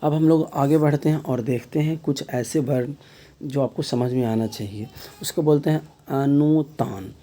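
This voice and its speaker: Man teaching with a very dark voice. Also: on the high side, moderate pace. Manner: explanatory, repeats key terms as questions; frequent filler tags mid-sentence. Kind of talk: exam-prep grammar lesson.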